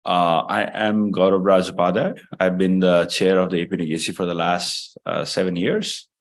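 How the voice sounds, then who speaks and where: A man from Nepal chairing a members meeting, speaking off the cuff with many pauses and fillers. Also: deep voice, level tone. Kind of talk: unscripted meeting address.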